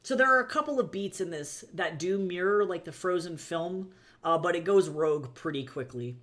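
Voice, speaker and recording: An indie fantasy author chatting casually on a live stream, rambling with lots of fillers and quick laughs. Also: medium pitch, expressive, a bit bright.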